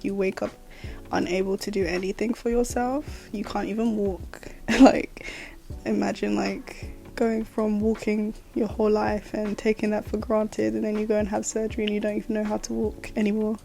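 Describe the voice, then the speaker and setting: A podcast host in her twenties chats casually on her own show, rambling along with laughter and filler words. Her medium-pitched voice is creaky yet warm, delivered at a normal speed in a level tone over soft background music.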